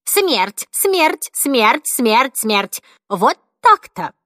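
A woman reading an audiobook, voicing a cantankerous 86-year-old woman who snaps and scolds in a shrill, indignant voice. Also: very animated, moderate pace, a bit bright, dry recording, studio quality. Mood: defiant.

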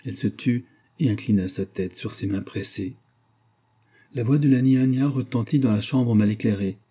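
A man narrating a classic novel as an audiobook, in a measured, dramatic storytelling manner with a husky voice. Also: mid-range voice, mellow.

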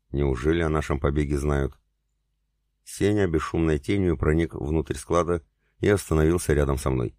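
Deep male narrator, steady first-person audiobook read, dead dry booth. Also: no room sound.

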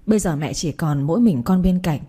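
A woman's voice: low-pitched, lively intonation, brisk, dark tone, breathy edge. A woman reading a story aloud and voicing a desperate middle-aged mother who pleads and begs her daughter. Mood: pleading. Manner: pleading, tearful.

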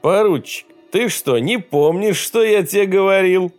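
A man's voice: mid-range voice, measured pace, soft background music, natural voice. A man voicing a coarse bandit ringleader who barks threats and insults. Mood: rough threatening. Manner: crude, bullying, barking threats.

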